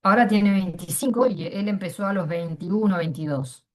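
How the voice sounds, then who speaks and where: Middle-aged woman, Argentine Spanish accent, hesitant, lots of fillers, mid-pitched. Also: normal speed, a little mellow. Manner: hesitant, many fillers and restarts. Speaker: panel speaker. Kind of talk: casual personal testimony.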